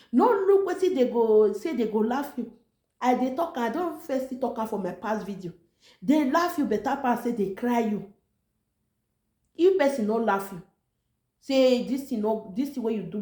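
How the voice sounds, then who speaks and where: Her voice is a little high with a dark tone as she gives an informal motivational talk in Nigerian Pidgin, carrying a Nigerian accent. The woman, an online motivational vlogger, urges her listeners emphatically and repetitively. The recording has room echo.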